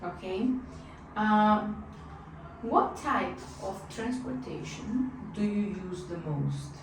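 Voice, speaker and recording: A woman acting as an English speaking examiner in a mock test, asking short, clearly paced questions. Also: medium pitch, animated, slow. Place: classroom. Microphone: distant room microphone. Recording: echoey room far from the mic, clear background noise.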